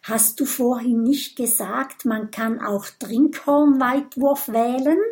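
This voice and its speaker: A woman's voice: fairly high pitch, fairly even intonation, takes it slowly, darkish tone. A woman voicing a cheerful little boy dragon in a children's audiobook, eager and confiding.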